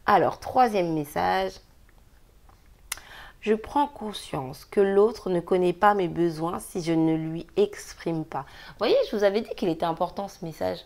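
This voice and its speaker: Gravelly-voiced woman giving a card reading. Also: lowish voice, a little slow, a little mellow. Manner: chatty, laughing, emphatic advice-giving. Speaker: tarot card reader. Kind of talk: casual daily card reading.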